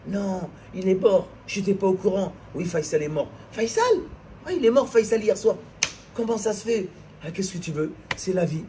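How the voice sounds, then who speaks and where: Man, sermon, high voice, impassioned, repetitive rhetorical questions, faint background noise. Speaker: preacher.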